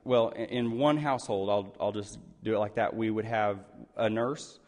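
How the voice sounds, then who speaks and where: A man's voice: on the low side, steady tone, moderate pace, darkish tone. A man giving an unscripted public talk as a presenter, hesitant and often repeating his phrases. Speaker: presenter on elder care taking questions. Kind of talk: public talk, unscripted with some read-aloud passages. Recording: echoey hall, long reverb.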